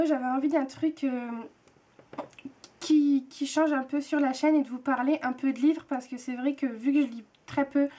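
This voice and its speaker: A woman's voice: high voice, darkish tone. A young woman from France chatting casually to her viewers, hesitant with many fillers and repeated words. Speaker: book and TV vlogger. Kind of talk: casual chat to camera.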